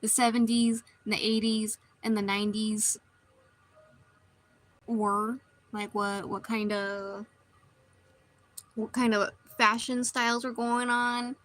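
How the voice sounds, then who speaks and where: Woman streamer, slightly high voice, meandering casual chat over drawing, desk mic. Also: little pitch movement, slow pace, long pauses, a bit bright, dry recording, low-quality recording. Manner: rambling, meandering, many restarts.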